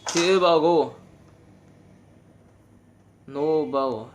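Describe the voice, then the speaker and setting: A man's voice: fairly high pitch, a little hiss or hum. A young man with an Egyptian Arabic accent giving casual, exasperated commentary while playing a game. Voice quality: quick, animated, exasperated banter. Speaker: gaming channel host.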